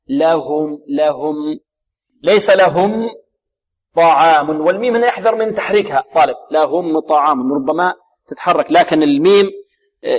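A man teaching Quran recitation rules. He asks questions, answers them himself, and slowly recites and repeats each word to show how it should sound. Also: on the high side, darkish tone. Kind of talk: tajweed lesson.

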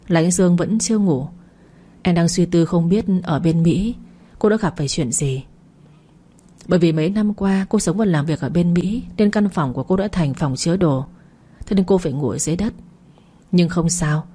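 Husky-voiced woman narrating a drama story. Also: lowish voice, warm tone.

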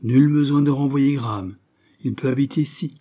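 A man's voice: mid-range voice, moderate pace, warm tone, voice pushed up, lightly acted. A man reading an audiobook, voicing a young woman who earnestly pleads with her father. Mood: coaxing. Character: young woman, devoted loving daughter.

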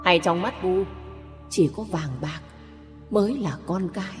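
A woman's voice: lowish voice, unhurried, natural voice. A woman voicing a vengeful young ghost bride. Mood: bitter, accusing. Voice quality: eerie unvoiced laughing, accusing. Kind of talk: audio horror story acting. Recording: long hall reverb with music.

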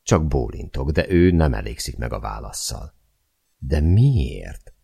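A man reading a novel aloud in the first person, with intimate, measured storytelling. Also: a bass voice, sing-song, vocal fry, mellow, husky. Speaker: audiobook narrator.

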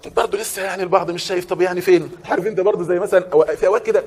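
A man preaching a sermon in an Egyptian Arabic accent, swinging from hushed, reflective passages to impassioned shouting. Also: sits high, steady tone, very fast.

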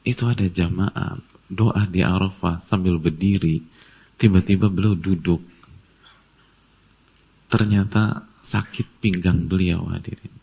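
A male Islamic preacher telling a story in a sermon, moving between forceful emphasis and hushed, near-whispered passages. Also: low voice, steady tone, measured pace, gravelly, pauses often, breathy edge. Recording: dull lo-fi lecture recording.

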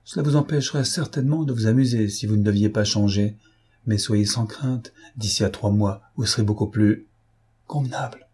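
A man's voice: lowish voice, normal speed, a little mellow, breathy edge. A man voicing a wry young male officer in an audiobook, dry and mocking. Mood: sly.

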